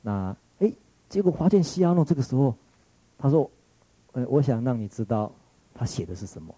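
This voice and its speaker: Male Taiwanese Mandarin lecturer, dark husky voice, dry close sound, rambling reflective storytelling. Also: medium pitch, big pitch swings, normal speed, no room sound, poor audio. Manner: musing, searching for words, frequent restarts.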